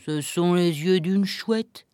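A woman voicing a big male wolf in a storybook, gruff but kindly, speaking slowly. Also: on the high side, big pitch swings, no echo, studio quality. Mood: sad. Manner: slow, drawn-out.

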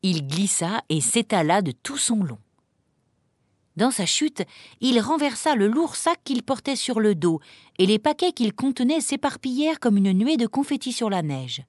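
Expressive woman reading a children's story. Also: on the high side, moderate pace, dry recording. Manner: expressive, lively. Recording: dry close recording.

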